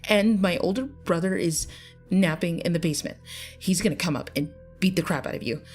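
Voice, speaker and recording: A woman's voice: fairly low pitch, a little fast, a little mellow, husky, soft background music, voice pushed up. A stammering scared teen girl, voiced by a woman narrator. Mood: nervous. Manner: stuttering, nervous. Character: frightened teenage girl.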